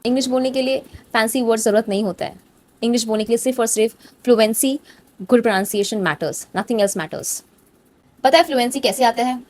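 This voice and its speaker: Her voice sits on the high side and moves fairly quickly. She's a young cabin crew interview coach giving relaxed advice, speaking to the viewer informally with a direct and encouraging manner.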